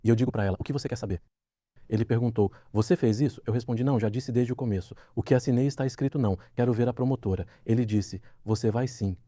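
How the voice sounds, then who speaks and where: A man's voice: mid-range voice, fast, dark tone, no echo, studio quality. A man, a guest in an interview, recounts a personal story and acts out the quoted dialogue as he goes. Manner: vivid retelling, acting out quoted dialogue.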